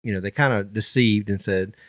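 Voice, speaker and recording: A man's voice: on the low side, steady tone, fairly quick, dry recording, studio quality. A man with a Southern US accent co-hosting a faith podcast, casually chatting and reading Bible passages aloud, stumbling now and then. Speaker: podcast co-host. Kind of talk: casual Bible study chat.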